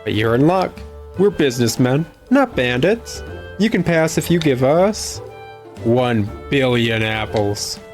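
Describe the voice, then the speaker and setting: A man's voice: mid-range voice, animated, unhurried. A swaggering bandit thug, acted out by a man for a video game. He is cocky, slangy and a bit dim, talking over faint music. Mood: smug. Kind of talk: video game dialogue read aloud.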